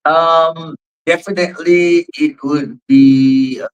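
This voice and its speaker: A Singaporean-accented fitness trainer and gym owner in his forties answers interview questions as a guest, rambling with plenty of fillers. His voice sits on the high side, clear and resonant, steady and slow, on a rough recording.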